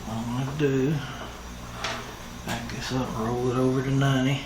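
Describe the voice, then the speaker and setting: A man's voice: mid-range voice, little pitch movement, normal speed, noisy background. Man explaining workshop steps while working. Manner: talks through each step while working. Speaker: airgun tuner demonstrating machining. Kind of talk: hands-on workshop tutorial.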